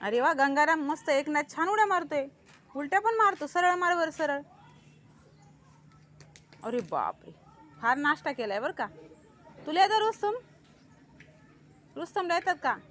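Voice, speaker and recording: Lady teacher in a classroom, super high voice, patient and coaxing with little kids. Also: animated, moderate pace, pauses often, fairly bright tone, a little hiss or hum. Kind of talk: talking to young pupils. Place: school classroom.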